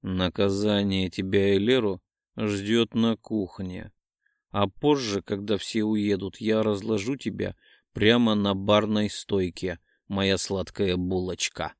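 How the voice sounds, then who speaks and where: A man doing a low, slow seductive lover. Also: gravelly, no room sound, clean studio sound.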